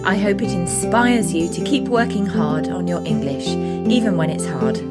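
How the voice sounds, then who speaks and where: A woman's voice: lowish voice, moderate pace. A woman hosting a podcast as an English teacher, asking a student questions in an encouraging, upbeat way. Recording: music bed under voice.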